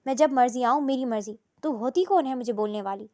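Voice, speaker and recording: A woman voicing a harsh, abusive middle-aged husband who talks in curt, scolding, drawn-out lines in a storybook reading. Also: a little high, warm tone, lightly acted. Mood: angry.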